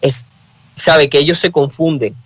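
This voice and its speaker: A man's voice: on the high side, a little slow, breathy edge, poor audio. A man with a Puerto Rican accent, speaking as a guest in a casual panel discussion and telling personal stories earnestly. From Puerto Rico.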